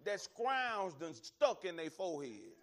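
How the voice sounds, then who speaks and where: A man with a high, very lively voice leads a Bible study. He talks in a folksy, emphatic way, circling back over phrases and addressing his listeners directly as he preaches. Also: a little slow. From Alabama, American South. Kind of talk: conversational sermon and Bible teaching.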